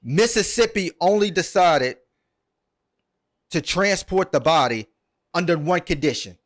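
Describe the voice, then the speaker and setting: A man's voice: fairly high pitch, animated, unhurried. Man telling a story with ums. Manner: earnest, retelling at length with many ums and repeats. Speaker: podcast host. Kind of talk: casual storytelling.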